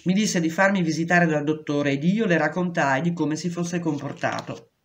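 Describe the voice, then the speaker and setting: A woman reading a memoir aloud in a steady, measured voice. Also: low voice. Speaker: reader.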